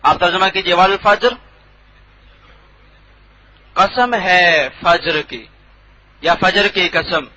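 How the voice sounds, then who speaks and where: High bright male Quran teacher. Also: dull audio, slight background noise. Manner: drills students with questions and repeats words slowly. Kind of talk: classroom Quran translation lesson. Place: classroom without a board.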